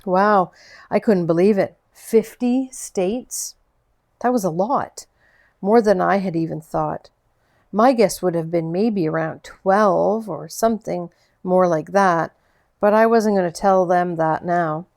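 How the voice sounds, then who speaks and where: Gentle woman reading a novel aloud. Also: fairly low pitch, vocal fry. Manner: gentle, unhurried storytelling with small slips. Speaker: audiobook narrator.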